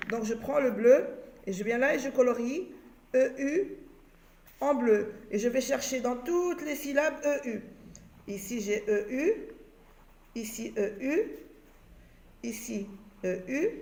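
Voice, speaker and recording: A woman's voice: fairly high pitch, gravelly, a little mellow. A woman teaching a phonics lesson to young pupils, patiently repeating letters and checking in with them as she goes. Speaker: primary school teacher. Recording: roomy echo.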